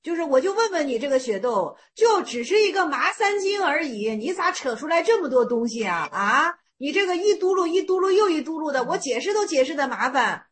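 A woman explaining Zen koans, chatty and animated, reading classical text slowly. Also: high-pitched. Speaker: teacher.

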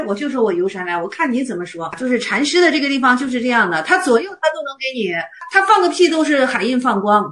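Woman Buddhist teacher, high voice, casual lecturing tone. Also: echoey room. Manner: colloquial, lively explaining. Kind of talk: lecture on Zen texts.

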